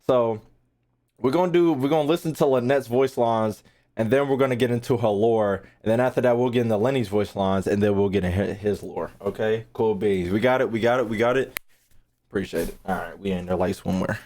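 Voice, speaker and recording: This American livestreamer, hosting a reaction video, has a lowish, dark voice and talks a little fast. He chats casually and brashly with his viewers, cursing freely and repeating phrases to hammer points home.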